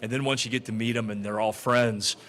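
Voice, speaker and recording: A man co-hosting a fire service podcast, speaking in a steady, reflective way. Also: mid-range voice, brisk. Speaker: podcast co-host. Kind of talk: casual podcast chat.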